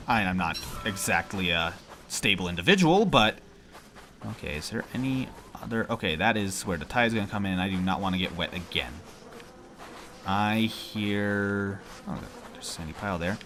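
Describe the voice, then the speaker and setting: A man's voice: on the low side, fairly bright tone, slight background noise. A man with a nasal voice, congested from allergies, thinking aloud and grumbling in casual gameplay commentary. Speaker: gamer commentating on own play. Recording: music behind the voice. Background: game music.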